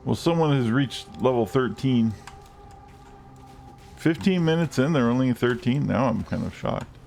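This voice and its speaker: A man chatting casually on a game live stream, rambling and swearing freely, with excited outbursts. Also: mid-range voice, unhurried, vocal fry, faint music behind.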